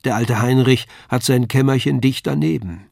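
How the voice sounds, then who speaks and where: A man's voice: medium pitch, normal speed, creaky, a little mellow, dry recording, studio quality. A man reading aloud, voicing an earnest young man who speaks in a heartfelt, pleading way. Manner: heartfelt, pleading, rising emphasis. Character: earnest young man asking his love home.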